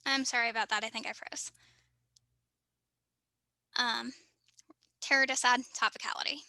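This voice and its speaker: A woman's voice: fairly high pitch, fairly even intonation, pushed and bright, dry recording, clean studio sound. A young woman debater on a video call, assertive and argumentative, her volume rising and dropping as the connection cuts out. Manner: quick, assertive, argumentative delivery. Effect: uneven volume from a dropping video call connection. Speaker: competitive debater. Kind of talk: fast competitive debate speech.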